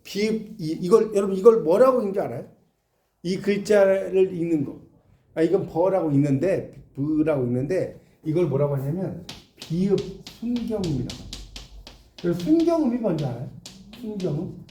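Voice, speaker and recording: A man's voice: sits high, lively intonation, normal speed, mellow. A man giving a classroom lecture, explaining with examples and asking his students questions. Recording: echoey classroom.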